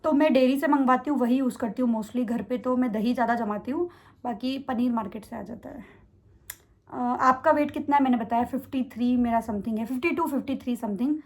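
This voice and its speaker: A young woman vlogger answering viewer questions in a fast, chatty way. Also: a little high, a little mellow. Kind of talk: casual Q&A chat.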